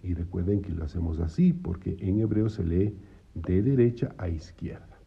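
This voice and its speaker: A man's voice: low-pitched, moderate pace, gravelly, mellow, breathy edge, muffled recording. A man teaching a patient, repetitive lesson on Hebrew syllables, checking in with his listeners as he goes. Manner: patient, repeats points, asks "¿no?". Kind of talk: explaining biblical Hebrew syllables.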